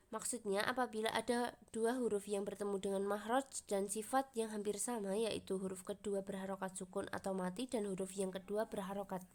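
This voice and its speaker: A young university student from Indonesia, a woman, presents her coursework in a steady, explanatory read. Her voice sits at an ordinary middle pitch for a woman. She slows down carefully whenever she recites the Arabic examples. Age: young adult. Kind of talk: reading a class presentation.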